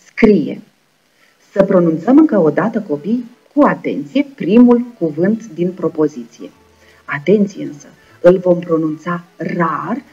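A young woman teacher with a Moldovan Romanian accent, giving a video lesson to first graders in a slow, clear, encouraging way and sounding out words syllable by syllable. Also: fairly low pitch, darkish tone. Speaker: primary school teacher. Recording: dull lo-fi recording with faint background music.

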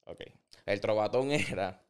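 A man hosting a podcast interview, talking in an animated, opinionated way and mixing in English words. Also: lowish voice, unhurried, smooth. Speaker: podcast host. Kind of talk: casual interview.

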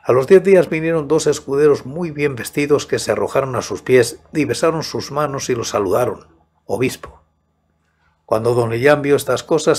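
An older man in his sixties narrates as an audiobook storyteller. His voice is husky and mid-pitched, with a measured, soft-spoken delivery close to the mic. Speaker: host and narrator of horror audiobook channel. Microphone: large studio microphone close to the mouth, headphones.

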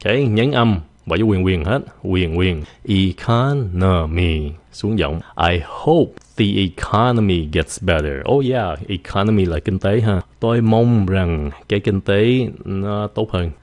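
A Vietnamese-speaking man teaching English vocabulary in a casual tone, drilling each word slowly and then explaining it quickly. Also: fairly low pitch, a little mellow, no echo.

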